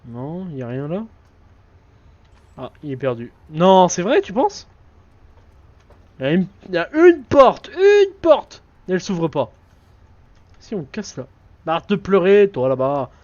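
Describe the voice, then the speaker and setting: A man streams a horror game in a higher-than-usual voice that swings widely, jumping from quiet asides to loud, mock-angry outbursts at the characters on screen. The audio is dull and lo-fi, like a home stream mic. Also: a little slow, pauses often. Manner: excitable, jokily scolds game characters. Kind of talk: live horror gameplay commentary.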